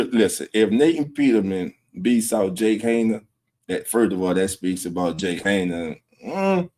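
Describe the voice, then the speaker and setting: Slow-talking low-voiced man hosting a fan stream. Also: warm tone. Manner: laid-back, chuckling, greets viewers by name. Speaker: host of a fan sports livestream. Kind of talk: casual livestream talk, reading chat. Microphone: streaming setup.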